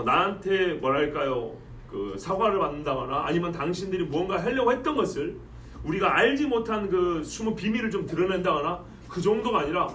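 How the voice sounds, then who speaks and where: A male pastor preaching a Wednesday sermon, asking the congregation rhetorical questions and reading scripture verses slowly and with weight. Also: high-pitched, bright, forceful tone, reverberant, recorded from a distance, slight background noise, poor audio.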